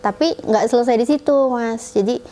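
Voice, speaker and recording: Animated woman telling a personal story. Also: a little high, brisk, a little hiss or hum. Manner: animated, acts out family members' lines in quotes; talks while coughing. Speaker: interview guest. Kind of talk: casual storytelling.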